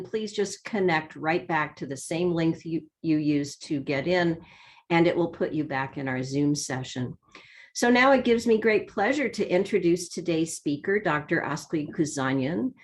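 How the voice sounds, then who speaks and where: A woman hosting an online seminar, giving a measured, formal introduction with an occasional filler. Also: deep voice, expressive. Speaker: seminar host. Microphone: video call.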